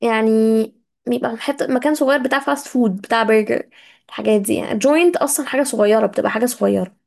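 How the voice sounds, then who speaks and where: High-voiced Egyptian woman teaching English. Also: creaky, darkish tone. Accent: Egyptian Arabic. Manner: repeats English words slowly to drill pronunciation; chatty, addresses students directly. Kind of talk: casual live vocabulary lesson.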